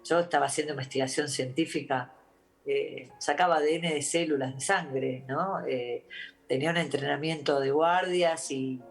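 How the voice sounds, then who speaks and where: Argentine lady doctor talking slow and thoughtful, stops and restarts a lot, faint music behind. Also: low-pitched. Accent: Argentine Spanish. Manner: halting, reflective, many restarts and fillers. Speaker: interview guest, doctor. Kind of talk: remote interview testimony.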